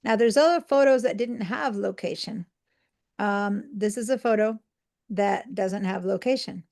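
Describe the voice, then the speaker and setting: During a live online class demonstration, an Argentine woman talks in an unhurried, creaky voice of medium pitch with a darkish tone. She takes her computer students through the steps patiently, checking in with them and using fillers.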